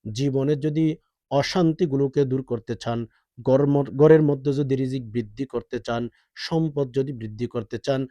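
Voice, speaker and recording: Male preacher, urgent rapid sermon, slow chanted prayers, warm low-lit voice, dry close sound. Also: no room sound, dull audio. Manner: fast urgent Bengali talk, slow drawn-out recitation. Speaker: Islamic preacher.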